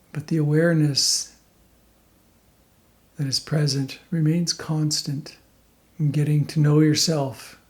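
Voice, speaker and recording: Guiding a meditation, this man teaches in a calm, very slow delivery, his voice pitched a little above the typical male range. Short phrases come with plenty of pause between them.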